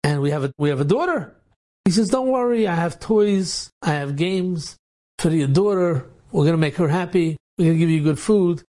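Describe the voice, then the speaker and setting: A man's voice: a little high, normal speed. A man, a rabbi, telling an inspirational story and acting out the dialogue with energy. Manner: animated, acts out dialogue in quotes.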